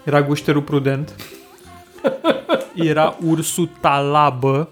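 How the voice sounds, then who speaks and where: A Romanian man co-hosting a casual chat, reasoning things out in a dry, deliberate way. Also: a little high, faint music behind. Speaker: podcast co-host.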